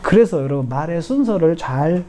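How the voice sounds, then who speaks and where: A middle-aged man preaching a sermon in a mellow, fairly high voice. He repeats his points earnestly and slips into a raised, lively voice for quoted speech. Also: moderate pace. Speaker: pastor.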